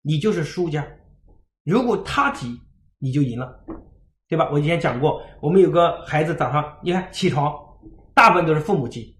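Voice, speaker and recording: Animated fast-talking man lecturing parents. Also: fairly high pitch, reverberant. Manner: lively storytelling, acts out dialogue.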